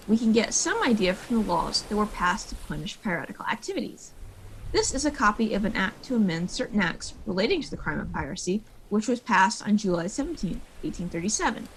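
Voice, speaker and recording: A woman's voice: mid-range voice, a little hiss or hum, low-quality recording. A woman museum curator narrating a scripted virtual tour, playful and dropping jokey asides.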